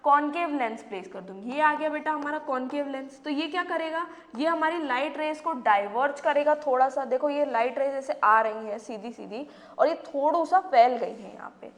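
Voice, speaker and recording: A woman's voice: high-pitched, moderate pace, few pauses, big-room sound. A woman teacher with an Indian accent, giving a classroom science lecture in a questioning, coaxing manner. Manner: asks questions and answers them herself, calls students beta.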